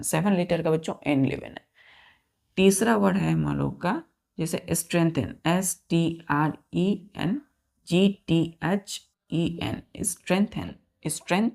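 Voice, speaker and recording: His voice is high-pitched, gravelly, and a little mellow as he teaches vocabulary. Key words come out slow and elongated on repetition, while he spells letter by letter, counts out loud, and frequently addresses the class.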